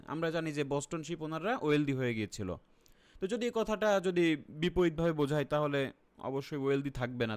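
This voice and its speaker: A man with a Bangladeshi accent teaching an exam-prep lesson online. He keeps asking his viewers questions and then answers them himself. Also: fairly high pitch. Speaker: IELTS teacher.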